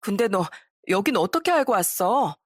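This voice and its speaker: A woman's voice: medium pitch, sing-song, normal speed, slightly rough, no echo, studio quality. Give me a woman playing a flustered, pleading young bride in an audio story.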